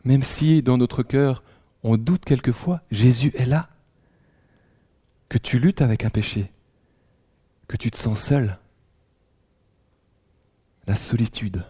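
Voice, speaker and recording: Male preacher raised in France, mellow dark tone, dry close sound, intimate sermon delivery. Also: fairly low pitch, husky, no echo. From France, raised in Alsace. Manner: drops to a hushed near-whisper for emphasis; many restarts, conversational storytelling.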